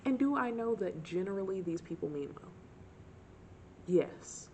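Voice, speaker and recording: Gravelly-voiced sarcastic young woman. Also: mid-range voice, a little slow, slight background noise. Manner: sarcastic, animated storytelling. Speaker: vlogger. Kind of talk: casual storytime chat.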